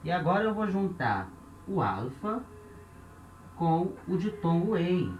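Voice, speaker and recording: A Brazilian man with a Brazilian Portuguese accent teaches a classroom lesson at a board step by step, counting aloud and frequently checking in with listeners. His high voice swings widely in pitch at a slow pace, recorded off-mic from a distance, muffled, with roomy echo and faint hiss.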